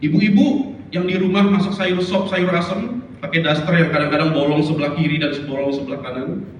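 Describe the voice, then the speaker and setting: A man's voice: on the high side, brisk, a little hiss or hum. A man preaching a sermon, telling stories and acting out the people and the barking dog in them. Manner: animated storytelling, acts out voices and barking. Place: large church hall. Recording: echoey hall from far off.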